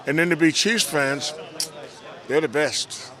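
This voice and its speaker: An older American man, a guest at an outdoor event, telling animated anecdotes and acting out the voices in a relaxed interview. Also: a little high, takes it slowly. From United States. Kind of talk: casual storytelling interview.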